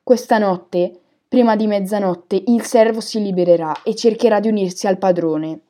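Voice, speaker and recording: A woman voicing an eccentric female divination teacher who talks sweet and hushed, and turns harsh and loud in a trance. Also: medium pitch, normal speed, lightly acted.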